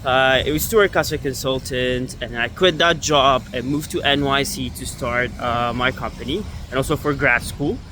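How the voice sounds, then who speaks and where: With a noisy background and music under his voice, a twenty-something startup founder from Ethiopia chats to camera for his vlog while walking around New York City and at the gym. He speaks in a mid-range voice at normal speed with hardly any pauses, rambling through plenty of fillers and restarts.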